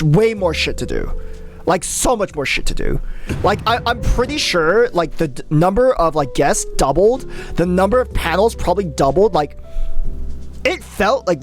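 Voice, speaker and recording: A streamer chatting casually with viewers, rambling and excitable, full of fillers and swearing. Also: medium pitch. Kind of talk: casual live-stream chat.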